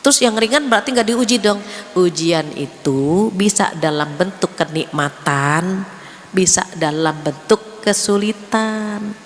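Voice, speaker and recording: Woman, preacher, lively sermon, acts out voices, mid pitch, echoing hall. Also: unhurried. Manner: animated storytelling, acts out voices and prayers. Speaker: Islamic preacher. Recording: reverberant hall, faint ambient noise.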